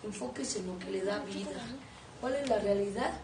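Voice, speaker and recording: A woman with a Mexican accent giving a blunt, profane testimony as a recovery group sponsor, often breaking into shouts. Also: medium pitch, normal speed. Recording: echoey room, distant mic, faint noise.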